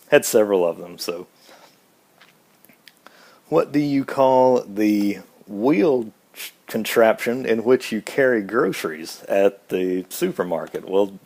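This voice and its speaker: A man from Mississippi in the United States, speaking with a Southern accent, answers an accent questionnaire by going through a word list and questions. He's casual, informal, laid-back and folksy. His voice is on the low side and darkish in tone.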